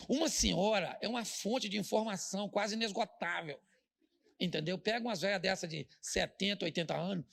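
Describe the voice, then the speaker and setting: A middle-aged Brazilian pastor preaches with a joking, storytelling delivery and slips into the voices of the people he describes. His voice sits high and is heavily gravelly, full of fry. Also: brisk, fairly bright tone. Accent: Brazilian Portuguese. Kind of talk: humorous sermon.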